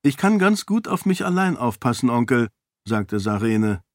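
A man's voice: medium pitch, sing-song, moderate pace, dry recording, clean studio sound, close to an everyday voice. A man voicing a bold young princess who talks in a pointed, self-assured way. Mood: assertive. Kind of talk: audiobook character voice.

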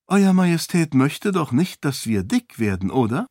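A man's voice: fairly high pitch, big pitch swings, normal speed, no echo, clean studio sound, voice pushed up. A man voicing a clever young noblewoman who talks in a coy, falsely innocent way. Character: sharp-witted young noblewoman, sly.

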